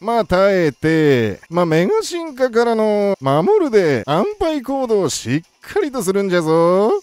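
A game streamer calling competitive battle moves play by play, excitable and talking through each decision aloud in a playful old-man way of speaking. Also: medium pitch, measured pace, smooth, dry recording, soft background music.

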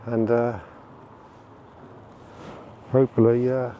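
A man giving a casual outdoor walking tour, relaxed and rambling with fillers. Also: medium pitch, takes it slowly, muffled recording, slight background noise. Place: outdoors on town streets.

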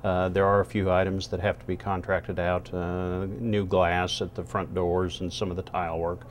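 A man's voice: low-pitched, little pitch movement, moderate pace, slight background noise. A man from a college's facilities side, explaining plainly and matter-of-factly on camera, with frequent uhs, in a large indoor hall. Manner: matter-of-fact, listing details with many uhs. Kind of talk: on-camera interview.

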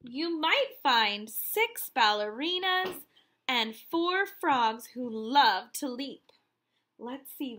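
A woman in her thirties, working as a teacher, reads aloud and counts for young children in an encouraging, sing-song way. Her voice sits high with a sharp tone.

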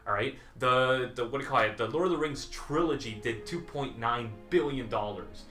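A man in his thirties argues for the Lord of the Rings side in a casual debate, laying out figures in a medium-pitched, slightly bright voice at normal speed. He's in a small indoor room crammed with movie memorabilia, and the recording is echoey, with soft music in the background.

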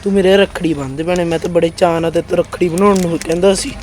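Man, Punjabi accent, high voice, fast, soothing, outdoors, faint traffic noise. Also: fairly even intonation, a little mellow. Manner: soothing, reassuring. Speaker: cousin brother in the drama. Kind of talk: scripted village drama acting. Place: outdoors by a road.

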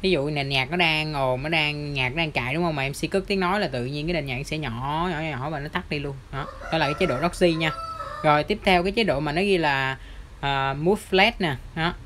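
An audio shop presenter with a Southern Vietnamese accent gives a product demo tutorial, guiding viewers through a device step by step in a chatty manner while pointing things out. The voice is medium-pitched, brisk, and a bit bright, with slight background noise.

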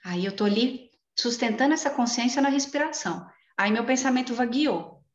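A woman speaker talks through mindfulness in a lively, engaged way, weaving in everyday examples. Her voice sits at an ordinary pitch for a woman. It comes over a video call with a roomy echo and muffled, dull sound. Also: moderate pace. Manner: lively, warm, uses personal examples. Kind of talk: explanatory talk in an online meeting.

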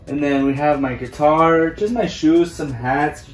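Faint music sits behind this twentysomething vlogger as he casually tours a house's small bedrooms and bathrooms, dropping Spanish words into his English. His voice is a little high, steady and a bit slow. Someone holds the camera or phone a few feet off, leaving a roomy echo and a distant voice.

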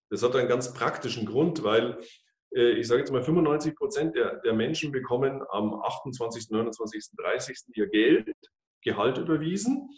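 A man in his fifties, a financial advisor presenting at a whiteboard in an office, explaining with many fillers and restarts. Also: mid-range voice. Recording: echoey office, mic far off.

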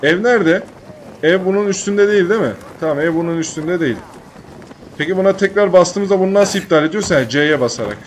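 A man's voice: sits high, quick pace, slight background noise. A young man giving casual let's-play commentary, joking, swearing and bantering at the game. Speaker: gaming YouTuber.

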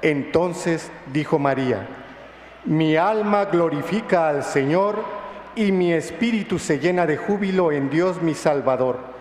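A man, a priest, proclaiming the Gospel in a solemn, measured liturgical cadence, his voice ringing with cathedral echo. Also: fairly high pitch, a little mellow, slight background noise. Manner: measured, formal reading cadence. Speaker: priest reading the Gospel at Mass. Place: large church during Mass. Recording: echoey church with long reverb, faint ambience.

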